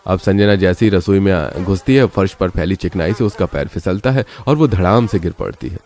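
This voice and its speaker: A man narrating a family story in a steady, descriptive manner. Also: low voice, brisk.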